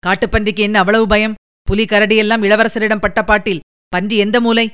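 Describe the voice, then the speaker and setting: A woman reading aloud voices a composed male prince who gives measured, reassuring counsel. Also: mid-range voice, level tone, fairly bright tone, smooth, lightly acted. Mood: scoffing. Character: calm, worldly male prince advising a younger man.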